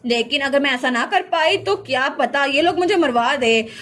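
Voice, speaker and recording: A woman's voice: sits high, animated, normal speed, fairly bright tone. A woman reading the lines of an earnest young princess heroine in a plain storytelling voice.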